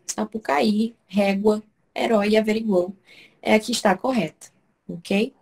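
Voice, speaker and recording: A woman's voice: mid-range voice, a little slow, gravelly, a little mellow. A woman teaching Portuguese in an online class, explaining step by step and checking in often with her students.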